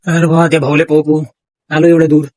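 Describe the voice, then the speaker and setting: Brief: man, high rapid voice, jokey bargaining customer. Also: level tone, darkish tone. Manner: teasing, haggling, plays a poor villager. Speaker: customer in a comedy shop sketch. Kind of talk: comic village banter.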